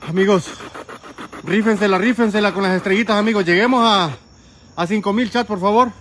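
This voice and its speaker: A man's voice: high-pitched, fairly quick, a bit bright, a little hiss or hum. A man with a Honduran accent hosting a live ghost hunt outdoors in a cemetery, calling out urgently to spirits and to his chat. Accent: Honduran Spanish. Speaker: paranormal livestream host. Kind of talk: live ghost-hunting stream.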